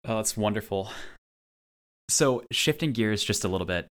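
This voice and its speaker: Deep male podcast host who affirms his guest and asks long, framed questions. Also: animated, moderate pace, fairly bright tone. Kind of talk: casual podcast interview.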